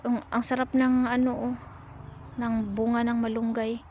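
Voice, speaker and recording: A woman's voice: a little high, flat delivery, measured pace, warm tone. A woman from the Philippines chatting casually in a vlog, often talking baby-talk to her cat. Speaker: vlogger.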